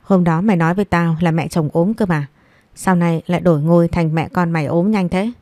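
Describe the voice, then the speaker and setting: A woman's voice: lowish voice, fairly quick, dark tone, no room sound, close to an everyday voice. A woman voicing a blunt middle-aged man who talks down to his older brother in a scolding way. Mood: sarcastic. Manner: curt, scolding.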